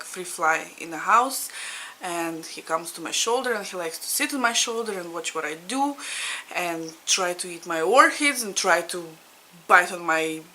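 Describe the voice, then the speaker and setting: A woman's voice: mid-range voice, sharp tone, slight background noise, poor audio. A woman in her thirties from Latvia, a native Russian speaker, chatting casually to camera as a needlework vlogger, laughing often and searching for words. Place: home in Ireland.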